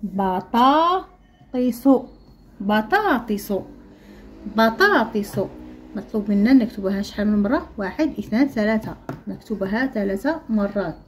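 A woman's voice: mid-range voice, lively intonation, a little hiss or hum. A woman teacher with a Moroccan accent dictating an Arabic reading lesson to young children, drawing words out syllable by syllable. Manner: drawn-out syllable-by-syllable reading, then quick asides. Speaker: primary school Arabic teacher.

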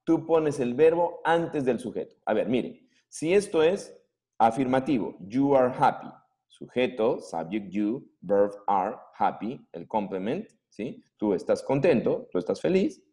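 A man's voice: medium pitch, lively intonation, measured pace, mellow. A male English teacher, giving a classroom grammar lesson and patiently checking that his students follow. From Peru.

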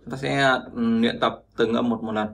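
A man's voice: mid-range voice, steady tone, normal speed, creaky, fairly bright tone. A man teaching pronunciation, repeating sounds and often checking that listeners follow. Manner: repetitive, keeps checking with listeners. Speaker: language teacher. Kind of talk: explaining pronunciation lesson.

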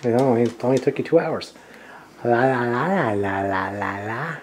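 A man's voice: mid-range voice, normal speed. A man, a father, joking and teasing during a casual home video of his baby's feeding.

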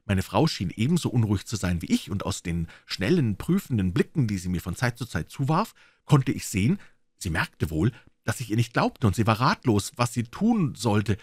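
A man's voice: lowish voice, very animated, moderate pace, slightly rough, no room sound. A man reading a classic detective story aloud as an audiobook, telling it dramatically in the first person on a close mic. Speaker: audiobook reader.

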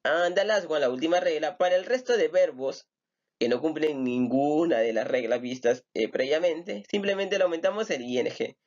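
A man's voice: on the high side, normal speed, darkish tone, highs cut off. A man teaching an English grammar lesson, patiently repeating words and asking rhetorical questions. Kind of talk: recorded online grammar lesson.

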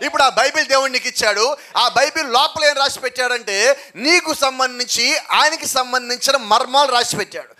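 Male preacher, sermon, very high voice, sharp and bright, rhetorical questions, repeated phrases, hallelujah and amen. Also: a little fast. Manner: preaching with emphatic repetition.

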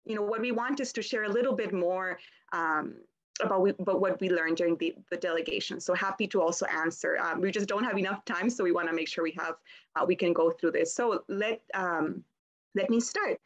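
A young woman moderating a panel discussion over a video call, speaking in a friendly, halting way with many ums and restarts. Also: fairly low pitch, muffled recording. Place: indoors at home, plain wall.

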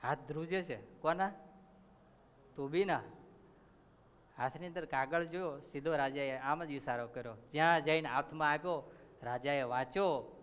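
A Gujarati-accented katha preacher tells a story during a sermon in a temple assembly hall, animatedly acting out the characters and asking his audience questions. His male voice is fairly high, at normal speed with long pauses, and the hall adds long reverb.

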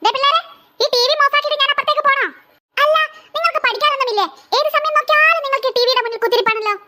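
A woman's voice: very high-pitched, very fast, pushed and bright. A woman voicing a busy, short-tempered mother in a cartoon who scolds her two daughters. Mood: scolding. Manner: scolding, exasperated. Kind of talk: cartoon voice acting.

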